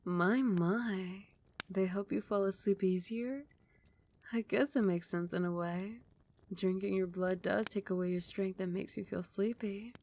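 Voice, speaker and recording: In an ASMR roleplay, a woman plays a doting vampire queen who murmurs softly and breathily, often dropping to a whisper. Her mid-pitched, natural voice is soothing, possessive, regal and tender, with a curious, teasing mood over slight background noise.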